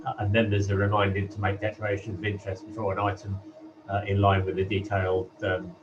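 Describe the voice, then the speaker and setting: A man chairing a formal online meeting, his voice hollow and echoing as if he were in a wind tunnel. He speaks in a measured, procedural way with hesitations. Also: on the low side, monotone, over music. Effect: hollow, echoing wind-tunnel sound on his audio. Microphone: video call. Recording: muffled, distant video-call audio with windy background noise.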